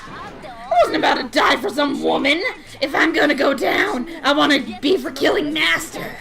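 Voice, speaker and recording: Genocider: a woman doing a shrill giggling killer girl. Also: normal speed, creaky. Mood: gleeful. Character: manic giggling murderous teenage girl alter ego. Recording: game music behind.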